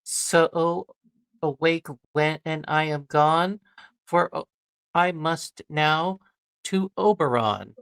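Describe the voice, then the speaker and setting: A woman voicing a mischievous male fairy servant in an amateur Shakespeare reading, halting and stumbling over the verse. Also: low voice, vocal fry, smooth, no room sound, clean studio sound, heavily acted. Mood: solemn.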